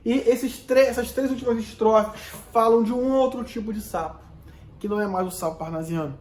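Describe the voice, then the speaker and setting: A Brazilian man, a literature teacher, explaining a poem in a recorded lesson, often checking in with "né?" and reading verses slowly. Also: very high-pitched, a little mellow, reverberant. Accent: Brazilian Portuguese. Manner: reads verses aloud slowly, then explains with many "né?" checks.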